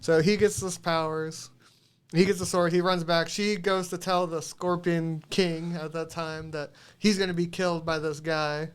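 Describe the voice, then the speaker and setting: A man with a high, smooth and resonant voice rambles through a movie recap on a podcast. He swears freely and laughs at his own telling. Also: little pitch movement, normal speed. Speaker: podcast co-host. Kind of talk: casual chat, recapping a movie.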